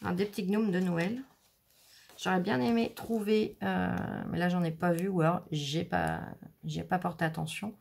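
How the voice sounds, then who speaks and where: Chatty woman with gravelly voice. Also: on the low side, steady tone, normal speed, darkish tone. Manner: chatty, showing items one by one with many fillers. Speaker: scrapbooking haul vlogger. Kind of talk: casual haul video commentary.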